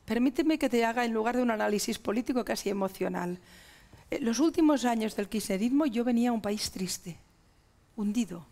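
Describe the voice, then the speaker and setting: Middle-aged Spanish-accented woman, TV interview guest, raised pitch, fry in the voice, emphatic and listing. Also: expressive, fairly quick, darkish tone. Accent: Spanish (Spain). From Spain. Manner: emphatic, listing ideas in long chains.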